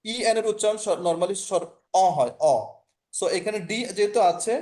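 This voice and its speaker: This high-pitched man speaks at a normal speed with fairly even intonation and a slightly mellow tone. Teaching an online language class by video call in a Bangladeshi Bengali accent, he explains patiently, repeats points, and regularly asks whether students are following.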